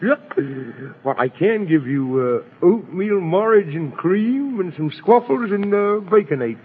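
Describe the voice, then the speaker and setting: A man's voice: sits high, big pitch swings, a little slow, slightly rough, exaggerated voice. An actor playing a fussy, scatterbrained, whimsical old Man in the Moon in a children's radio fantasy, stammering and repeating himself as he scolds. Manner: stammering, repetitive, muddled, comically scolding. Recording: muffled, tinny vintage radio recording.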